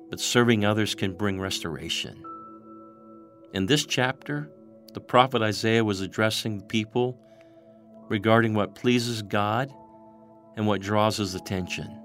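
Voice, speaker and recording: A man guiding a meditative prayer in a soft, reverent way. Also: on the low side, faint music behind. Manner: slow, soft, reverent delivery. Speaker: prayer guide.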